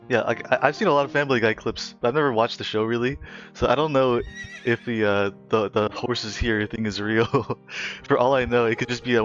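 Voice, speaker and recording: A man's voice: medium pitch, fairly bright tone. A young man hosting a livestream, chatting casually and telling a story, rambling and laughing often between phrases. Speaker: livestream host. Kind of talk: casual stream chat and storytelling. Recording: slightly muffled lo-fi audio, faint music.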